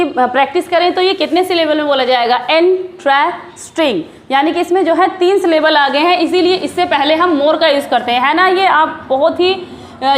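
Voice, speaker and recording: A woman teaching English grammar in a classroom style, explaining patiently and slowing down to read English examples. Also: high voice.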